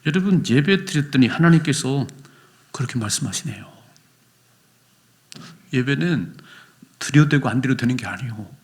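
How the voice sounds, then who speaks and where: A man preaching a sermon in a church, talking to the congregation in a conversational way, asking them questions and sometimes dropping to a hushed whisper for emphasis. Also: medium pitch, lively intonation, normal speed, long pauses. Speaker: pastor.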